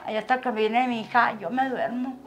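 A woman's voice: fairly high pitch, steady tone, fairly quick, muffled recording, soft background music. Older mother telling family stories. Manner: emotional storytelling, acts out quoted dialogue. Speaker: interviewee, mother of the channel owner. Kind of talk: casual family interview.

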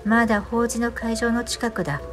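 A woman reading a scripted first-person ghost story in a hushed, eerie storytelling manner. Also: a little high, fairly even intonation, normal speed. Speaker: horror story narrator. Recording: music and rain under the voice. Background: music, rain.

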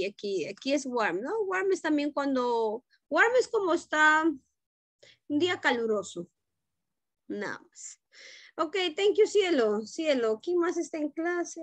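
A woman's voice: high-pitched, a bit bright, dry recording. A woman teacher leads an online class, correcting students' pronunciation and checking in often. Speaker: English teacher. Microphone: video call.

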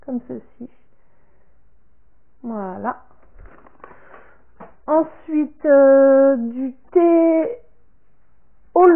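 A woman vlogger showing a product order in casual talk, halting and trailing off softly after each item. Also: sits high. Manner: slow and halting, repeats "comme ceci" and "voilà", trails off softly. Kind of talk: casual unboxing talk to camera. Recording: tinny phone-like sound.

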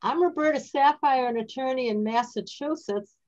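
A woman's voice: sits high, moderate pace, darkish tone, muffled recording. An older woman hosting a talk show, chatting in a rambling, easygoing way over a video call. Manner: chatty, rambling, laughs easily. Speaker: host, attorney. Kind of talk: casual talk-show chat.

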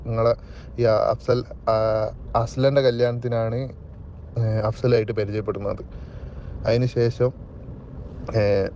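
A young man with a Malabar Malayalam accent leaving an informal voice message, explaining his side in a halting, repetitive, rambling way. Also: mid-range voice, level tone, mellow. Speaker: ex-fiancé giving his side of a story. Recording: dull lo-fi voice note, clear outdoor noise.

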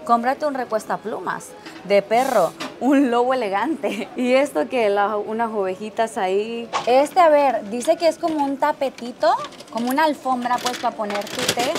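A woman giving casual vlog commentary as she shops for capsule toys in a busy Japanese toy shop. She is chatty and excitable and laughs often. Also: on the high side, normal speed, music in the background. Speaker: travel vlogger. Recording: noisy shop ambience.

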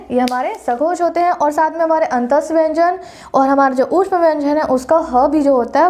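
High-voiced woman teaching Hindi grammar. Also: a little mellow. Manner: explains step by step, recites letters one by one, corrects her own slips. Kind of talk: classroom lecture.

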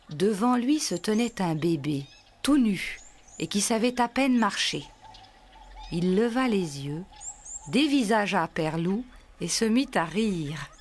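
A woman narrating a children's storybook in a slow, gentle storytelling manner. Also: medium pitch, expressive.

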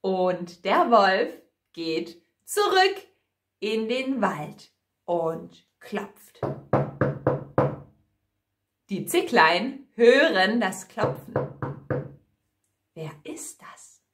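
A woman teacher telling a fairy tale to learners, speaking very slowly, clearly and repetitively. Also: mid-range voice, big pitch swings, slight background noise. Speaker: German teacher. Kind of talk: storytelling lesson for learners. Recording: echoey room.

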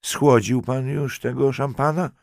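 A man's voice: medium pitch, steady tone, unhurried, vocal fry, a little mellow, dry recording, pitched above the performer's own voice. A man reading a young woman, teasing at first and later frightened and close to tears. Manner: teasing, then pleading and breathless.

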